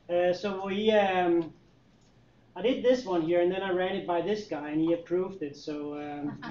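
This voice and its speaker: A middle-aged Danish man, a consultant and conference presenter from Denmark, gives a relaxed, chatty tech talk at a user group, full of fillers and restarts. His voice sits a little high with a touch of hiss or hum. It's recorded in an echoey meeting room on a distant mic, so the sound is dull and lo-fi.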